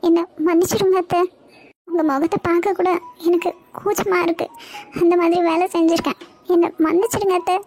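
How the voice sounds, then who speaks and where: A woman's voice: extremely high pitch, steady tone, normal speed, mellow, pitched above the performer's own voice. A woman voicing a remorseful young woman in a cartoon web series, pleading and apologizing.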